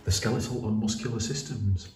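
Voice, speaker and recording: A man in his forties with an English Midlands accent, narrating an exploration vlog in a dark abandoned school in hushed, awed tones. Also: lowish voice, steady tone, a little fast. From England. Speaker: urban explorer host. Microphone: camera mic held at arm's length. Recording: echoey empty rooms with loud music.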